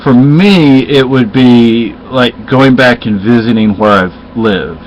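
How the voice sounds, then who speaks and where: Heard on a dull lo-fi recording with a faint hiss or hum, a middle-aged man from Spain tells stories in casual chat. Spanish is his native language, and his mid-range voice wanders along haltingly, full of restarts.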